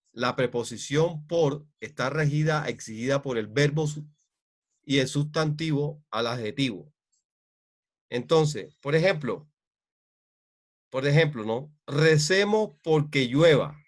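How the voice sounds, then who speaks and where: A medium-pitched man leads an online grammar lesson. He speaks in a halting way, using lots of fillers and often checking that students understand.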